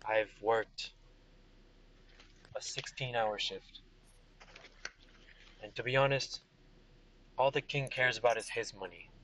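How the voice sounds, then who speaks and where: A man voicing a weary, disgruntled general who talks low and flat after a long shift. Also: takes it slowly, pauses often, slight background noise. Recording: dull lo-fi sound.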